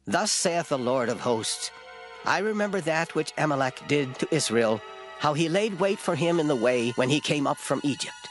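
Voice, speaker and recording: A man's voice: on the high side, animated, moderate pace, soft background music, close to an everyday voice. A man playing a severe Hebrew prophet in a dramatized scripture recording, solemnly declaiming a divine command.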